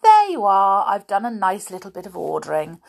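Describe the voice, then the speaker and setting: A woman's voice: medium pitch, wildly swooping pitch, moderate pace, gravelly, pitched above the performer's own voice. A woman voicing a big naughty girl doll who talks in a bossy, smug, teasing way.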